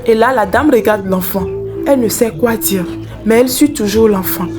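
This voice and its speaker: A woman's voice: fairly high pitch, moderate pace. A woman narrating a moral folk tale, speaking directly to her audience. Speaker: storyteller. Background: music.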